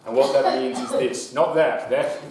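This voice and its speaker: An Australian man hosting a live comedy game, teasing the audience in a theatrical, mock-imperious way and bursting into shouted chants. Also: medium pitch, fairly even intonation, moderate pace. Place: large hall with a live audience. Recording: echoey hall from a distance, crowd noise. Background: audience laughter.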